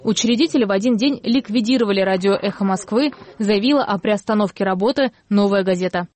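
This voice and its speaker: A woman narrating a news report in an even, measured, scripted read. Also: medium pitch.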